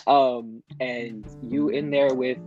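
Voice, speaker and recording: A man with a mid-range voice is co-hosting a relaxed podcast and telling stories in a sassy, expressive way. The recording sounds dull and lo-fi, and music plays clearly in the background. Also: mid-range voice, slow. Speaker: podcast co-host. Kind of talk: casual chat.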